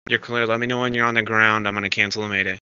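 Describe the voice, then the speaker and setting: Sharp, forceful man commanding over radio. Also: lowish voice, flat delivery, rapid-fire, smooth, dry recording. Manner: directive, procedural. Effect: two-way radio. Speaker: fire scene incident commander. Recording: dull lo-fi radio, faint static.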